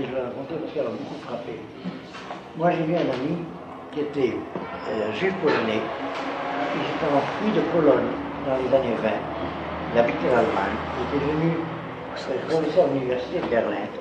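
Male lecturer, mid-pitched and emphatic, who keeps asking if he is clear; echoey hall with noise behind. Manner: emphatic, keeps checking with rhetorical questions. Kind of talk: lecture with audience questions. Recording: echoey room with background noise.

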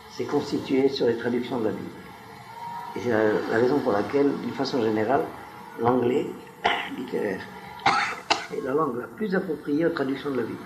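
A man's voice: mid-range voice, a little mellow. Digressive male lecturer in an echoey room. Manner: digressive, often turns to the audience with questions. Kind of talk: spoken lecture to a live audience.

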